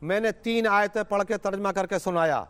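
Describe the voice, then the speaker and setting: Indignant high-voiced cleric man. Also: a bit bright, smooth. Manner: indignant, scolding, recites scripture in a chanting tone. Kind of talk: heated televised debate.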